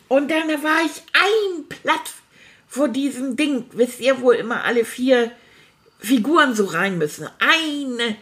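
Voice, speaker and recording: A woman's voice: a little high, a bit bright. A woman voicing a sulky, childlike male character who chats theatrically and makes sound effects in a comic monologue.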